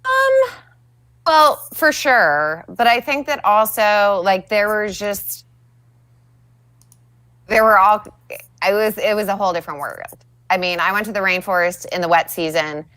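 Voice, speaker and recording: A woman's voice: medium pitch, animated, unhurried, pauses often, fairly bright tone, no echo. Young woman guest, casual storyteller, laughs often, dry close sound. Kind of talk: casual chat. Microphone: video call.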